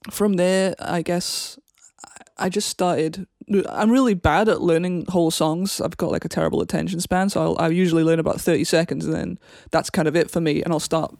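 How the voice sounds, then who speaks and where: A Welsh woman chats as a guest in an interview, relaxed and unhurried as she explains. Her voice carries a gravelly edge, and the sound is close and dry with no room around it. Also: on the low side, dry recording. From Wales. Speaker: guest musician. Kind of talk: casual interview chat.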